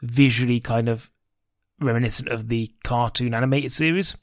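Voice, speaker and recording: A man's voice: mid-range voice, fairly even intonation, normal speed, dry recording, clean studio sound. Chatty laughing man. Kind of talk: casual chat.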